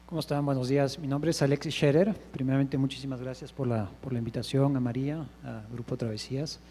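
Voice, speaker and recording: A man's voice: medium pitch, fairly even intonation, fast, warm tone, rough recording. A man from Peru introducing himself as a hotelier on a conference panel, hesitant with many fillers.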